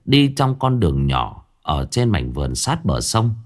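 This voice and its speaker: A man's voice: deep voice, very animated, a little slow. A man narrating a scripted ghost story in a dramatic, storytelling manner.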